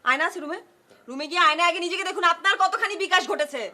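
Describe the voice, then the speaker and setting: An actress playing a young woman who loudly rehearses melodramatic stage lines and snaps back at her neighbor. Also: extremely high pitch, racing, full character voice. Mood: indignant. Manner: melodramatic chanting of rehearsed lines, sharp retorts. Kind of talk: comedy drama acting. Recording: echoey room with music behind.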